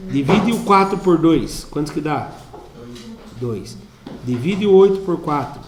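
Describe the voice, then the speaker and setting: A man's voice: on the high side, lively intonation, measured pace, noisy background. A Brazilian man teaching math to a class, playful and chatty, asking students questions as he works problems. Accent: Brazilian Portuguese. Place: school classroom. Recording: echoey classroom.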